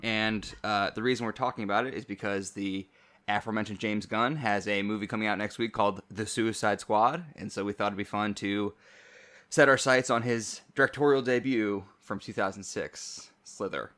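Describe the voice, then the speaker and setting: A man hosting a casual film podcast, chatty and quick to laugh. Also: lowish voice, fairly even intonation, fairly bright tone. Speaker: podcast host.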